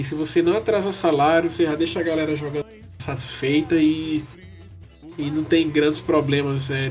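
A Brazilian man hosts a casual football chat. His voice is slightly high and his phrasing is colloquial. Soft music runs faintly behind him. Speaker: football podcast host.

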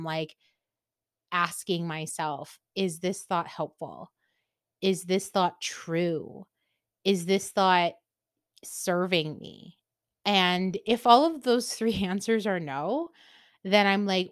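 A woman's voice: on the low side, fairly bright tone, clean tone, no room sound, clean studio sound. A woman hosting a casual solo podcast, talking candidly about herself, swearing freely and laughing often. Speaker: podcast host.

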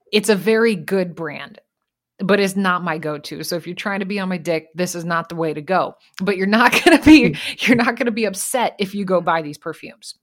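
A woman podcast guest in casual chat, frank and playful as she runs through favorite products. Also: lowish voice.

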